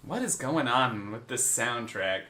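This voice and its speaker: Slow, animated bright-voiced man. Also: mid-range voice, a little hiss or hum. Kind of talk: casual reaction chat.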